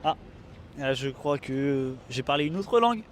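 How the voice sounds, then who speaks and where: A young man in his late teens, filming a casual travel vlog on a phone while walking around a city, joking and excitable. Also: medium pitch, measured pace, slight background noise. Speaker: student vlogger. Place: on the move, outdoors in a city, on a coach and in a museum. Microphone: phone held while filming.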